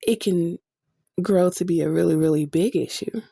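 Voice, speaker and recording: A woman hosting a motivational podcast, sounding stuffy from a cold, speaking slowly and earnestly to encourage her listeners. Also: fairly low pitch, gravelly, warm tone, breathy edge, dry recording. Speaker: podcast host.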